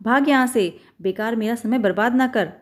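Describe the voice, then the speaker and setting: A woman's voice: a little high, moderate pace, close to an everyday voice. A woman voicing an irritable male shopkeeper in a children's storybook reading, shooing away a customer. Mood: dismissive. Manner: dismissive, then pleading.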